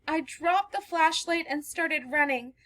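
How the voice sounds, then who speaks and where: With no room sound at all, a woman reads a play as a terrified young woman who ran through a storm, her voice very high-pitched and loud. She begs in sobbing, breathless bursts at normal speed, and the play offers her no break from fear.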